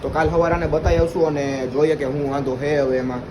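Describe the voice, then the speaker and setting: A man's voice: a little high, steady tone, fast talker, noisy background. A young man with a Gujarati accent, chatting casually to viewers in a vlog. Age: young adult. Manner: chatty, addresses viewers as guys. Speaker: vlogger.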